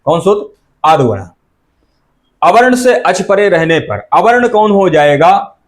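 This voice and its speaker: A man's voice: high voice, very animated, slow pace. A middle-aged man teaching Sanskrit grammar, asking questions and answering them himself and repeating the key terms. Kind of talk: explanatory lecture.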